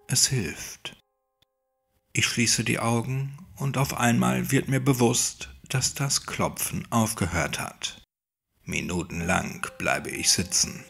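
A man reading a first-person horror story aloud, tense and breathy, dropping into whispers and rising into shouts. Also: fairly low pitch. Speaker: horror audiobook narrator. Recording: faint music bed under the voice.

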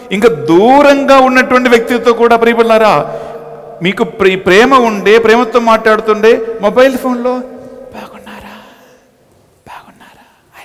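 A man, a priest, preaching a dramatic sermon, swinging between loud and soft. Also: high voice. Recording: long hall reverb.

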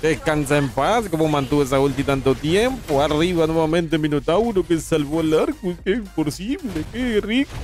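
A man with a Panamanian accent giving live esports commentary, calling plays and teasing the chat between them. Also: medium pitch. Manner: playful, teasing chat with viewers between play-by-play. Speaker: esports caster.

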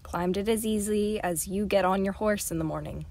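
A woman's voice: medium pitch, brisk, natural voice. A woman doing a grizzled, impassive old ranger. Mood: dry. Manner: even, flat, understated. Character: gruff grizzled gray-bearded male ranger, impassive. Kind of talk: audiobook character voice.

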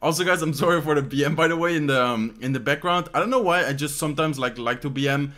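An esports player, a young adult from the Netherlands, answers fan questions in a relaxed, rambling Q&A from his bedroom desk mic, speaking Dutch-accented second-language English. His voice is slightly high and fast. He uses plenty of "like" fillers and stops to ask "how you say this."

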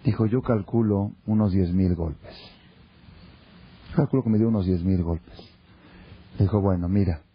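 A man giving a Torah class as a sermon, telling parables and acting out the characters' lines in an animated way. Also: lowish voice, slightly rough. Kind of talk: sermon with storytelling. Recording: muffled lo-fi recording.

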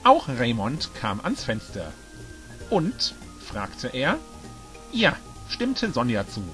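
A man narrating a fan-made audiobook with an animated, dramatic reading. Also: mid-range voice, a little slow, soft background music. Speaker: audiobook reader.

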